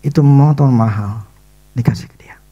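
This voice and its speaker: A male pastor preaching a sermon in a lively storytelling manner, acting out the dialogue in casual, everyday phrasing. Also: medium pitch, normal speed, slightly rough, muffled recording.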